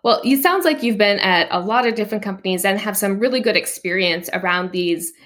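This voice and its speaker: A woman's voice: medium pitch, animated, fairly quick, fairly bright tone. A woman hosting a podcast, giving upbeat introductions and asking questions. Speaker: podcast host. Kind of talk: interview.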